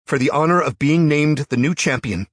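A defiant young commoner, firm and loud, with a slightly raised, husky voice, as a narrator plays him. Steady and stubborn in a dry storybook reading. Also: male voice, sits low, fairly quick, no echo, heavily acted.

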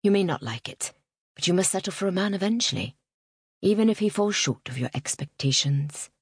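A woman voicing a stern, controlling older father in a low, firm, measured voice in an audiobook reading. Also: expressive, slightly rough, dry recording, clean studio sound. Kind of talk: audiobook narration.

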